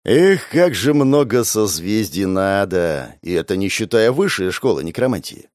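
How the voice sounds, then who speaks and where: A man narrating a first-person audiobook in an expressive, wry manner, voicing all the characters. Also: on the low side, unhurried, no echo, studio quality.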